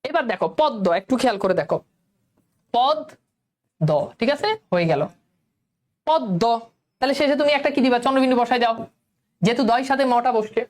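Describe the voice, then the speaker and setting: A young woman teacher with a Bangladeshi Bengali accent leads an online lesson. Her voice sits a little high, and she coaxes her students along. She quizzes them often and repeats key words slowly. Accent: Bangladeshi Bengali, colloquial.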